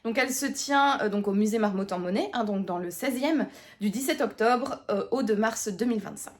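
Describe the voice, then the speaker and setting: Here a young Tournai woman vlogs about her books, talking casually to camera with a Tournai Picard accent from Belgium. She's talkative and pokes fun at herself, hesitating and restarting often, in a fairly quick voice that sits on the high side.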